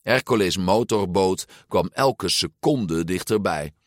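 A man reading a children's story aloud with expressive, lively intonation. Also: deep voice, takes it slowly, dry recording, studio quality. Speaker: storybook narrator. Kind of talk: storybook read-aloud narration.

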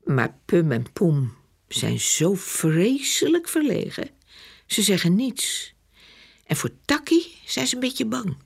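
A woman reading a children's story aloud slowly and gently, with a husky, creaky voice. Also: mid-range voice, big pitch swings. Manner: slow gentle storytelling with breathy hushed passages. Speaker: reader.

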